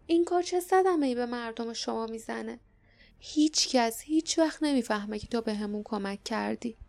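A woman's voice: on the high side, gravelly, darkish tone. A woman voicing a determined young male adventurer who talks in a pointed, scornful way.

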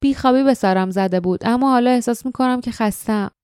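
A woman voicing a guarded, tired young man in an audiobook, quiet and reserved. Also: a little high, clear, resonant tone, no echo, studio quality, lightly acted.

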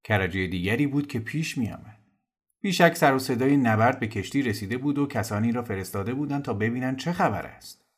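A man narrating a novel in a calm, measured storytelling voice. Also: medium pitch, breathy edge.

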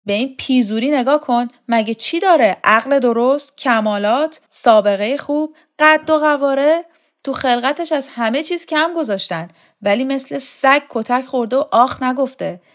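A woman putting on a bossy shrew, high shrill voice, loud, insulting, storybook reading. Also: hardly any pauses, lightly acted. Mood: scolding. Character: harsh bossy woman, scolding and contemptuous.

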